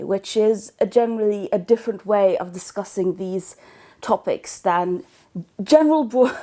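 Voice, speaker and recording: A native Norwegian speaker from Norway, this woman is a book blogger talking casually to camera in vlog style. She's thoughtful and hesitant, searching for words, in a mellow, mid-range voice.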